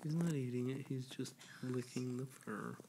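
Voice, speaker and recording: A woman's voice: a bass voice, normal speed. A woman chatting casually at home and cooing playfully at a new puppy. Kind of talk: casual home video chat. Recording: home video with clear background noise.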